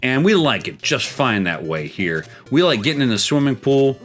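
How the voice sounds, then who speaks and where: A man's voice: sing-song, normal speed, fairly bright tone, faint music behind. A man from South Texas hosting a gameplay channel, chatting playfully while he plays a game and tells a story. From South Texas, United States. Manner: chatty and playful, jumping into high exclaims. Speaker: host.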